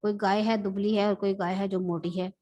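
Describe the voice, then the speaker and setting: A woman teacher from Pakistan, giving a patient, explanatory vocabulary lesson and repeating words slowly. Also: mid-range voice, level tone, warm tone.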